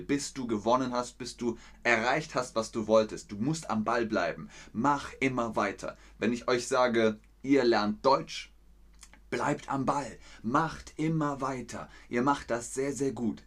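A man teaching German in a live lesson, answering viewers' chat questions slowly and clearly with encouragement. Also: medium pitch, fairly bright tone. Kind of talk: live-streamed language lesson.

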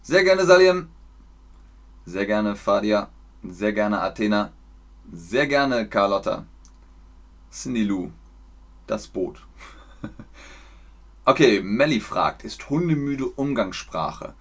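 A man from Germany teaching German on a livestream, explaining slowly, clearly and patiently. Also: lowish voice, animated, fairly bright tone. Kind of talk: livestream language lesson.

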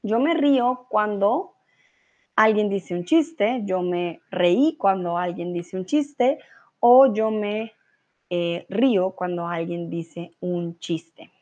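A woman's voice: medium pitch, slow, dark tone, lo-fi sound. A Colombian woman teaching a live online Spanish lesson, patient and encouraging, dropping into English and German to explain.

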